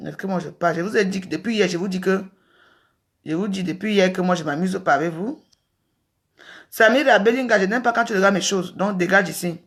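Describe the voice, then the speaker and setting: A woman's voice: medium pitch, fairly quick, a bit bright. A woman from Cameroon ranting on a livestream, scolding and mocking her rivals, often repeating herself. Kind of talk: heated livestream rant.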